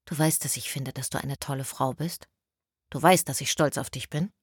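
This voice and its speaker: A woman voicing an older mother who speaks softly with dry skepticism. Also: very deep voice, normal speed, husky, no room sound, heavily acted. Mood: tender.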